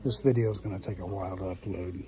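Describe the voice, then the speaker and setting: Filming a shop tour on a handheld phone inside a busy hobby shop, a male vlog host gives casual, rambling, appreciative commentary as he walks through. His low, mellow voice is fast with fairly even intonation, and shop chatter bustles behind him.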